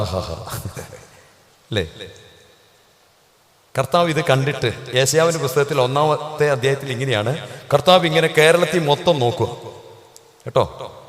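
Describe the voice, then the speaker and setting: A man's voice: on the high side, brisk. A man preaching a sermon to a congregation, asking questions and having them repeat lines. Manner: call-and-response, questioning the crowd. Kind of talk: Malayalam church sermon to a congregation. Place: large church hall. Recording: echoey hall, long reverb.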